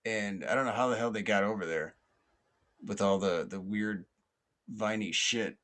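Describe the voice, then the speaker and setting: A man's voice: on the low side, moderate pace, fairly bright tone. A man hosting a podcast, telling a long personal story in a loose, rambling way. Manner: rambling, lots of fillers and restarts. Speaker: podcast host.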